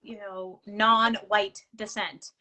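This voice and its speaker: Bright enthusiastic woman host. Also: mid-range voice, little pitch movement, slow pace, poor audio. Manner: enthusiastic, affirming, many fillers. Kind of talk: interview conversation.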